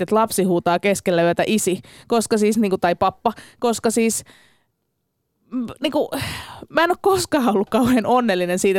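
A woman's voice: medium pitch, clean tone, no room sound, clean studio sound. A woman co-hosting a live radio talk show, chatty and a bit exasperated, with lots of fillers. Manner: chatty, exasperated, acts out kids' shouting. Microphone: studio microphone.

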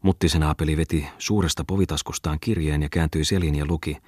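A man reading a novel aloud as audiobook narrator, in a calm, measured way. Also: very deep voice, slightly rough, dry recording, clean studio sound. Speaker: audiobook reader. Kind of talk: scripted narration.

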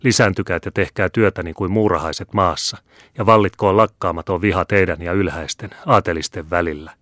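A man's voice: deep voice, fairly even intonation, a bit bright, dry recording, clean studio sound. A man voicing a fiery, bitter old peasant leader who speaks sternly, in an audiobook. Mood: proclaiming. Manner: stern, proclaiming.

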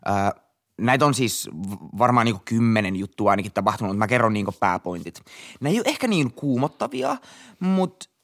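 Matalaääninen nuori mies juttelee podcastissa rennosti. Hän puhuu verkkaisesti ja täyttää taukoja öö-äänillä kertoessaan omia kokemuksiaan. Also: male voice, on the low side. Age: young adult. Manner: relaxed, with many hesitation fillers. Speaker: podcast co-host. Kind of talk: casual podcast chat.

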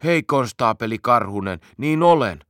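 A man's voice: mid-range voice, animated, a bit bright, dry recording, studio quality, natural voice. A man voicing a polite, cheerful young male bear in a children's audiobook.

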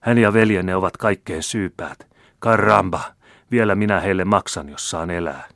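A man reading aloud the lines of a wounded Spanish assassin, who speaks low and bitterly. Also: creaky, a bit bright, no echo, clean studio sound. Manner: muttering and bitter.

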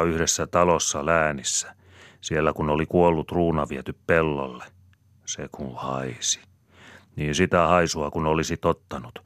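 A man's voice: a bass voice, a bit bright, no echo, studio quality. A man voicing a rambling rustic father. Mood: jesting. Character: chatty middle-aged cottager father, boastful.

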